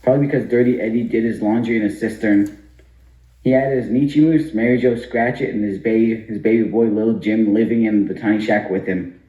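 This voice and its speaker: A man's voice: on the low side, steady tone, fairly quick, warm tone. A man narrating a comic story for an amateur puppet show. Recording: muffled, echoey room.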